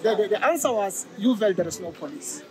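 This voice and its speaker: A man's voice: high-pitched, animated, fast talker. A South African man from a community policing forum, speaking earnestly in a street interview outdoors, hesitating and repeating words, through a face mask. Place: outdoors on a busy city street. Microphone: camera mic, subject wearing a face mask. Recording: busy crowd noise behind.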